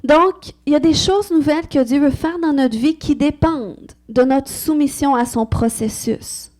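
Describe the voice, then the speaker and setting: A woman's voice: sits high, moderate pace, darkish tone. A woman with a Québécois French accent, preaching an earnest, conversational sermon with frequent amens.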